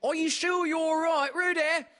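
A man's voice: very high-pitched, steady tone, moderate pace, sharp tone, voice pushed up. A man voicing an anxious mother kangaroo who calls out with worry. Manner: anxious, calling out.

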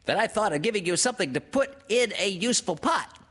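A tiny storybook piglet in a high, squeaky pitch. The little creature sounds young, timid and sweet, eager yet meek. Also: male voice, big pitch swings, slow pace, gravelly, bright, forceful tone, breathy edge, in a large hall, heavily acted. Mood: timidly happy.

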